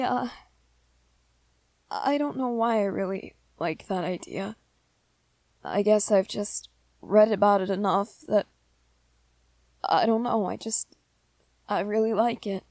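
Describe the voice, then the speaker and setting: In a romantic ASMR roleplay, a woman voices a shy young male vampire who is smitten, speaking gently and hesitantly and often stammering over repeated words. Her medium-pitched voice sounds close to everyday speech, recorded cleanly in a studio with no room sound.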